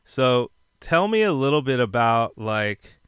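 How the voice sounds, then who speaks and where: A man's voice: mid-range voice, very animated, measured pace, a bit bright, smooth, dry recording, clean studio sound. A man interviewing a guest, asking rambling questions full of fillers. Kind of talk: casual interview chat.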